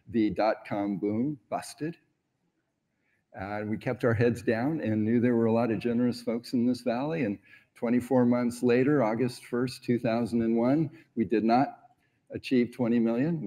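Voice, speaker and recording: A man's voice: medium pitch, mellow. A middle-aged man on an event stage telling stories in an interview, earnest and reflective, with frequent hesitations, on a lapel mic. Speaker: award honoree on stage. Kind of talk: onstage interview storytelling. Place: large event stage, indoors.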